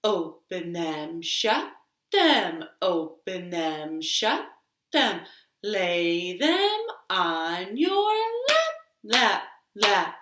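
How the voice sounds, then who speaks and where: Extremely slow and sing-song, a librarian's fairly low, slightly bright voice carries through an echoing home living room. She hosts children's storytime, drawing out repeated words and giving simple, encouraging guidance.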